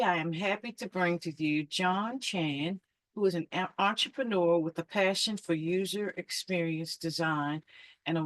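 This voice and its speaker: A woman's voice: on the low side, no echo. A woman hosting an interview show, introducing her guest with upbeat enthusiasm and asking questions. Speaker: podcast host.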